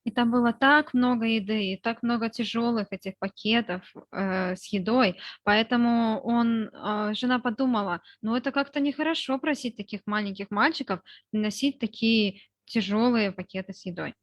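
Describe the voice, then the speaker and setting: A woman giving a live spoken translation, interpreting a talk phrase by phrase over a video call, in measured short chunks with hesitation fillers. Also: a little high, dry recording, dull audio. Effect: live spoken translation, voiced over the speaker's talk. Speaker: consecutive interpreter into Russian. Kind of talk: consecutive interpretation.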